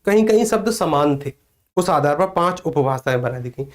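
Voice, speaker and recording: A man's voice: fairly high pitch, lively intonation, normal speed. A male teacher from northern India giving an exam coaching class, asking the students questions and answering them himself as he drills key points. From Vrindavan area, northern India. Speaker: Hindi teacher.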